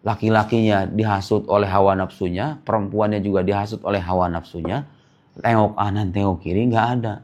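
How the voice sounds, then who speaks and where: Animated man teaching an Islamic class. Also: fairly low pitch, fairly quick. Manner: lively, questions the class and answers himself; casual, joking. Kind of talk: informal religious lesson.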